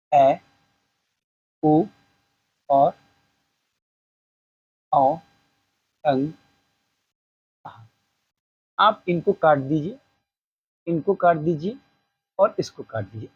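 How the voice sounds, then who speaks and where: Husky-voiced teacher explaining grammar. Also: mid-range voice, a little mellow, dry recording. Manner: asks a question and then answers it; repeats key phrases slowly. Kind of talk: spoken grammar lesson. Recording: slightly dull lo-fi recording.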